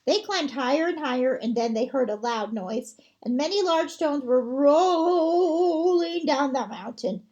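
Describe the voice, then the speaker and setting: A woman librarian reading a picture book aloud to children, gentle and expressive. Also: sits high, unhurried, few pauses, dull audio.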